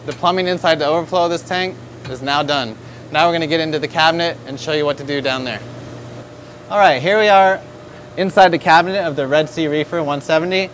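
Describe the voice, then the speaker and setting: A man's voice: fairly high pitch, fast, a bit bright, a little hiss or hum. American male host, thirties, store tutorial, instructive and upbeat, lapel mic in a showroom. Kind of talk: product demonstration tutorial.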